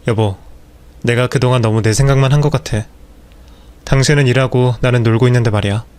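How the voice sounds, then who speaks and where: A man's voice: medium pitch, fairly even intonation, brisk, darkish tone, clean tone, close to an everyday voice. A man voicing a lazy, excuse-making unemployed husband. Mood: apologetic.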